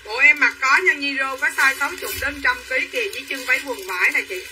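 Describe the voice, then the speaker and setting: Talking fast in a high voice, an online clothing seller runs through repetitive livestream sales patter, addressing buyers by name. She's far from the mic, and faint room noise fills the room.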